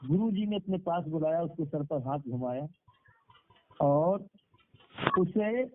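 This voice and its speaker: Here a preacher with a fairly high male voice talks slowly over a phone conference line, which gives the audio a thin, tinny quality. His sermon is devotional, told through moral tales, with phrases repeated for emphasis.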